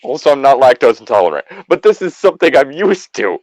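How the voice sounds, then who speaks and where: Fast and mid-range in voice, a man hosts a casual reading of an internet story, peppering it with sweary, exasperated outbursts delivered with plenty of animation. There's no room sound.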